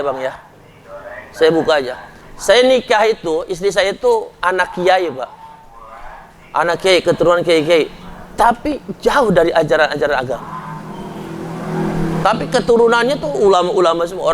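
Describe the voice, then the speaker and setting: A man preaching a sermon to a congregation, talking conversationally and addressing them directly, at times rising to loud impassioned pleading. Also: a little high, expressive, normal speed, long pauses, a little hiss or hum.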